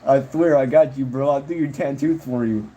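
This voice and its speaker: A man's voice: moderate pace, dark tone, natural voice, low-quality recording. A man mimicking a cocky amateur tattoo guy who pushes his services with overconfident assurances. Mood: boastful. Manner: pushy, overconfident sales pitch.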